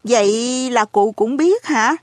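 A woman's voice: on the high side, lively intonation, slow, darkish tone, dry recording. Woman doing a pleading orphan boy. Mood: pleading, anxious. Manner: pleading, urgent, raised voice. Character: anxious orphan boy searching for his family.

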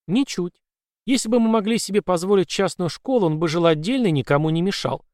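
A possessed mother who coaxes in a sweet, calm voice while hinting at menace, as a male narrator puts her on. Her speech is smooth and unhurried, on a dry, close recording. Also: high-pitched, no echo, pitched above the performer's own voice, natural voice. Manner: sugary, calm, coaxing.

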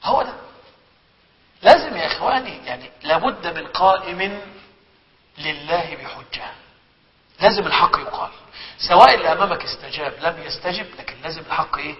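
A man with an Egyptian accent giving a religious lesson as a sheikh, asking rhetorical questions and telling stories in a lively way. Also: fairly high pitch, brisk, long pauses. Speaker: sheikh teaching a book. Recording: echoey hall, dull lo-fi sound.

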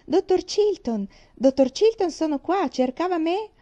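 A woman voicing a cheerful, eager little girl in a storybook reading, talking in an excited, pleading way. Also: a little high, normal speed, dull audio, voice pushed up, lightly acted.

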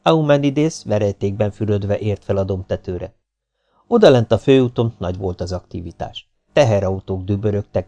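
A man reading an audiobook aloud in a steady, even storytelling manner. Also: lowish voice. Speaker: audiobook narrator.

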